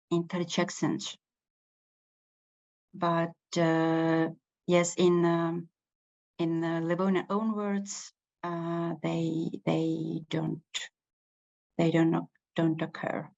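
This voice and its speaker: A woman's voice: on the low side, gravelly, a little mellow, highs cut off. A woman with an Estonian accent, a native Estonian speaker, giving an unscripted language lecture, hesitant, with many fillers and restarts. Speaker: language teacher.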